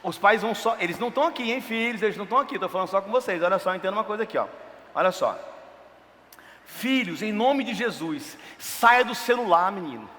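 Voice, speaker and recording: A man preaches from a church stage in a fairly high voice. He is animated and joking, acting out little family scenes for the congregation. His voice rings out with a long hall reverb over faint background noise. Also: fast talker. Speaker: pastor. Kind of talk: sermon.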